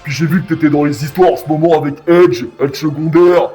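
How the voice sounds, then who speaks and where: Male YouTube reviewer, high voice, blunt and crude casual rant, heavy slang, music underneath. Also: brisk, warm tone.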